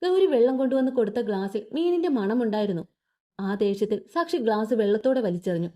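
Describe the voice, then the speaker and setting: Expressive woman storyteller, lively voice. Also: fairly high pitch, fast. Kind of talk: audio story narration.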